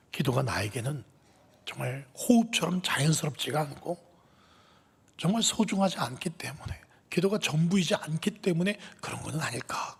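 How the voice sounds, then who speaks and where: Husky guy preaching, kinda high voice, lots of whispery bits and rhetorical questions, big echoey church hall. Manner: dramatic, drops to whispers then rises for emphasis; asks the listeners many rhetorical questions. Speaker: pastor. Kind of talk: sermon. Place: church sanctuary. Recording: long hall reverb.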